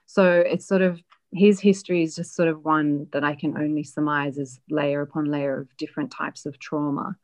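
A woman being interviewed, reflectively telling a personal family story with many pauses and fillers. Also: deep voice, little pitch movement, darkish tone. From Australia. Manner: reflective, hesitant with frequent fillers.

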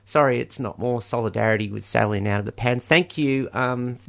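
Gravelly radio presenter, rambling. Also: male voice, medium pitch, a little fast. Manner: rambling, many ums, jokey asides. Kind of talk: community radio fundraising chat. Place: radio studio. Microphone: studio microphone.

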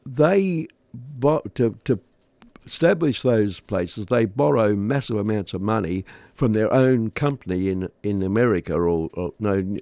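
An older man giving conversational news commentary as a host, halting often and using wry understatement. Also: fairly low pitch, dark tone, no room sound. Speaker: talk show host.

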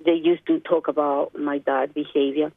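A woman's voice: deep voice, flat delivery, normal speed, no room sound. Chilean-accented woman on a phone line. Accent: Chilean Spanish. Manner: reflective, searching for words. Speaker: guest. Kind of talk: interview. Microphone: telephone. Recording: dry, tinny phone line.

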